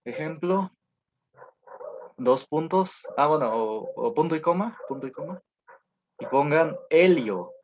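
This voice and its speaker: A male teacher giving an online class, dictating notes slowly with many fillers and repeated phrases. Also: fairly high pitch, expressive, a little mellow, slight background noise. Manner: slow dictation with frequent fillers and repetitions. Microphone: video call. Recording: dull lo-fi online call audio.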